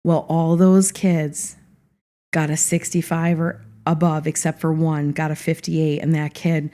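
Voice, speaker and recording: A woman's voice: low-pitched, unhurried. A middle-aged woman, a former teacher, telling a vivid story as a podcast guest. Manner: animated storyteller.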